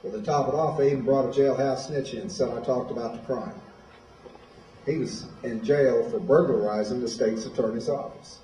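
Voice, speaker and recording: A man's voice: medium pitch, normal speed, mellow. A man, telling his own story in plain, direct words as a guest speaker at a school. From Illinois, USA. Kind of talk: personal testimony speech. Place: high school hall. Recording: echoey hall, voice from far off.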